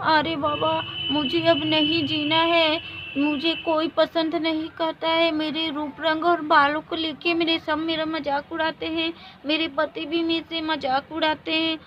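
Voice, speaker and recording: A woman's voice: high-pitched, little pitch movement, a little slow, a little hiss or hum. A woman voicing a meek, mistreated elder wife who pleads and laments. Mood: sorrowful. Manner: pleading, tearful. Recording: dull lo-fi recording.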